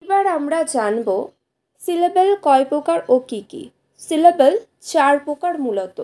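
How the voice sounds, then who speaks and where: A woman teacher speaks in a high voice with a soft, mellow tone. She explains each point patiently to her students, repeating and slowly sounding out example words. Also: animated. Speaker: English teacher. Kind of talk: slow explanatory lesson to students.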